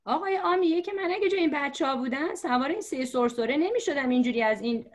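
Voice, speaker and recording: A woman teacher telling a story to explain letters, patient and slow, with many fillers. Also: high-pitched, lively intonation. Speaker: religious script teacher. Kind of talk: storytelling lesson for learners.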